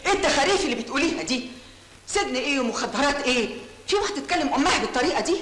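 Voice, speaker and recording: A woman's voice: high-pitched, animated, racing, a bit bright, reverberant, big-room sound, a little hiss or hum. An actress with an Egyptian accent playing a proud, wealthy mother who defensively denies her crimes. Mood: indignant. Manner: indignant, defensive. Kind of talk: film drama acting.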